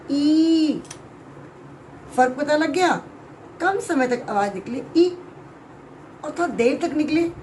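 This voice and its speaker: A woman teaching young children a grammar lesson, explaining slowly and clearly, stretching out sounds and often checking whether they have understood. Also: sits high, darkish tone, a little hiss or hum, poor audio. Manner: drawn-out sounds, frequent check-in questions. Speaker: Hindi teacher.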